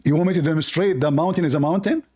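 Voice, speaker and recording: Male debate host, scornful and combative, non-native English, higher-pitched with a soft, dark tone. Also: racing, husky. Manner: mocking, combative, laughs at opponents. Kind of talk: live debate commentary.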